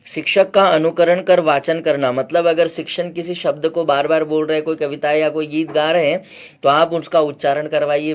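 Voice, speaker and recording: Teaching an exam-prep class, this man explains each point in turn, questions students again and again, and frequently clears his throat. His pitch is fairly high.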